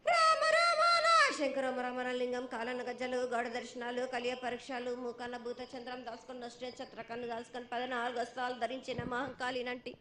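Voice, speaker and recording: A woman with a Telangana accent chanting ritual invocations as an oracle in a prophetic trance voice, crying out and then dropping lower. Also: fast, few pauses. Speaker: oracle delivering a festival prophecy. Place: echoey temple festival site. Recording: echoey, with background noise.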